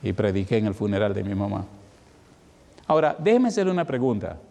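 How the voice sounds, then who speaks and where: A man's voice: lowish voice, big pitch swings, gravelly, warm tone. Dominican man preaching in a reverberant hall. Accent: Dominican Spanish. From Dominican Republic. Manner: emotional storytelling, shifting between slow emphatic and quick passages. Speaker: evangelist preacher. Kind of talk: sermon.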